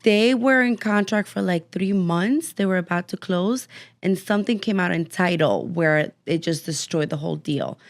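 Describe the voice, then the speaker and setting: A woman's voice: fairly low pitch, normal speed. A young adult woman, a guest on a casual podcast, chatty and explaining with everyday examples. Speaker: title company guest.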